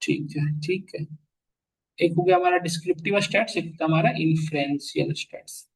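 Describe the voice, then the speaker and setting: A man teaching a class, mixing English phrases into his Hindi and repeating key lines slowly for students to write down. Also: a little high, gravelly, slightly rough, poor audio. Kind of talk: classroom lecture.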